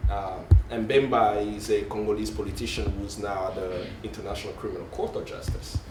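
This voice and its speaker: Speaking a little quickly in a lowish, steady tone, a male panelist at a conference hall discussion often stumbles for the right word, corrects himself, and leans on um and uh. Faint noise and a roomy sound come from the distant mic.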